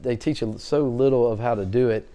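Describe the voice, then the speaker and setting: A man talks fast, jabbering through his stories in a relaxed interview. His voice is dark and mellow, and his pitch sits in the middle. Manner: fast-talking, chatty, animated storyteller. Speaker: auctioneer, guest. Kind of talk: casual interview storytelling.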